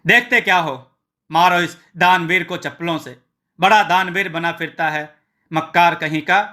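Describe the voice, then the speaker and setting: A domineering village headman barks orders with open contempt, as a man plays him. His voice is high and bright, and it has a hard edge. This is a storybook tale voice. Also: normal speed. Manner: commanding, contemptuous.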